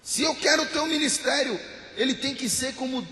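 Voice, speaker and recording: Brazilian guy preacher, really high voice, emphatic and repetitive, sounds like he's in an echoey bathroom. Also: normal speed, pushed and bright. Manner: emphatic, repetitive oratory with short declarative phrases. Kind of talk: church sermon. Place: church hall, amplified to a congregation. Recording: echoing bathroom-like sound, long hall reverb.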